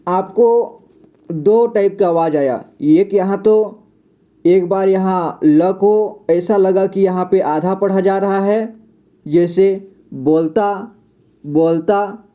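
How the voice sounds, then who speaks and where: Slow, very mellow male teacher. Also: high voice, muffled recording. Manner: patient, repeats words and spells them letter by letter; fills gaps with a frequent 'okay'. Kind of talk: casual spoken reading lesson.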